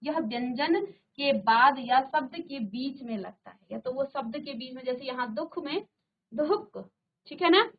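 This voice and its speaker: Here a woman leads a Hindi grammar lesson online, asking her students questions and then supplying the answers, slowing to emphasize example words. Her voice sits high and narrow, and the audio is tinny.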